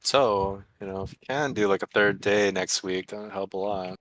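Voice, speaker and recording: A man's voice: low voice, moderate pace, fairly bright tone, no room sound, poor audio. A man in gaming voice chat, hesitant, asking about and explaining game mechanics. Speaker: raid member.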